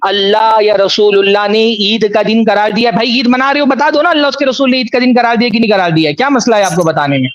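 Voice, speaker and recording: A man's voice: high-pitched, hardly any pauses, no echo, highs cut off. A man hosting a livestream debate who keeps repeating the same question and steers back to the topic. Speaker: livestream host. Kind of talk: heated religious debate.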